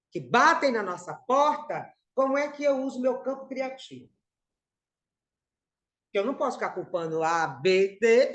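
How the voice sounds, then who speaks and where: A woman's voice: high-pitched, fairly bright tone. A middle-aged woman from Brazil giving a conversational spiritist lecture, calling her listeners brothers and sisters.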